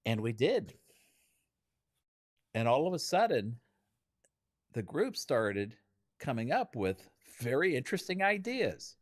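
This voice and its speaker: A man teaching creativity in a keynote style, telling anecdotes as an animated storyteller who chuckles and acts out what others said. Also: mid-range voice, slow pace, pauses often, no room sound, clean studio sound. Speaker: creativity trainer.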